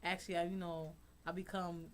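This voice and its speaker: A woman guest on a talk show, a fashion designer telling stories in a blunt, chatty way and jumping into a high voice to act out what people said. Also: a little fast. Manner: lively storyteller, acts out quotes in a high voice; blunt, chatty, says "honey" often. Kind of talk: casual talk-show interview.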